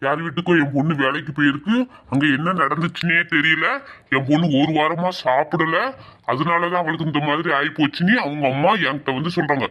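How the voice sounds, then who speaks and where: A man's voice: fairly high pitch, steady tone, brisk, bright, forceful tone. A man playing an angry young adult son who accuses his mother in a family drama skit. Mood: accusing. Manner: accusing, indignant.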